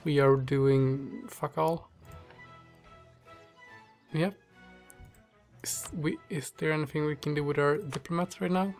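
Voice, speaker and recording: A gaming channel host with a stuffy nose and a slightly strained voice does casual strategy game commentary, thinking aloud and filling gaps with lots of fillers. His fairly high voice moves slowly with frequent pauses over soft background music.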